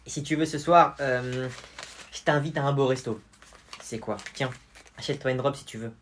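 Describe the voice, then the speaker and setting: A performer playing a spoiled rich schoolboy in a comedy sketch. He talks in a low, hushed, smug murmur. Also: moderate pace, slight background noise, lightly acted. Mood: boastful.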